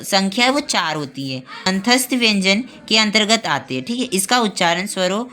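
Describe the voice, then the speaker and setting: A woman teaching a grammar class online, explaining step by step and pausing to check the class is following. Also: medium pitch, very animated, bright, forceful tone. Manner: spells out sounds slowly, one by one.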